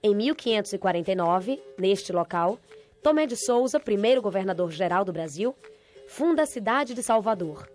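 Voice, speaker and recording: A woman reading a scripted documentary narration in a measured, informative voice. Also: mid-range voice. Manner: measured, even informative delivery. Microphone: studio voice-over. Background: background music.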